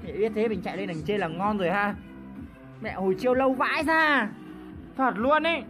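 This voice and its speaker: A woman giving excitable live commentary over her mobile game play, jumping between loud outbursts and low muttering, swearing playfully. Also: fairly quick. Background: game background music.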